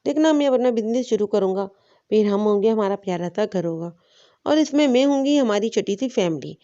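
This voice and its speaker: A woman's voice: medium pitch, expressive, mellow, dull audio, natural voice. A woman voicing a scheming young husband who sweet-talks his wife. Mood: coaxing. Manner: sweet-talking, persuasive.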